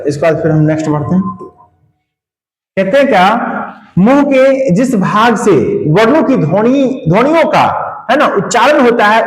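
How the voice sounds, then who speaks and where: A male teacher with a high voice explains grammar to his class, posing a question and then answering it himself. He keeps checking in with his listeners as he goes. The sound is echoey, as if recorded in a bare room. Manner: asks questions and answers them himself, repeating "है ना" and "ठीक है".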